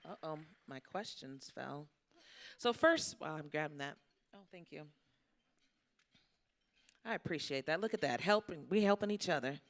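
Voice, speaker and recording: A woman with a deep, expressive voice moderates an informal live panel at an indoor luncheon, speaking at normal speed and pausing often. Her manner is folksy, colloquial and encouraging, and the crowd can be heard in the event room.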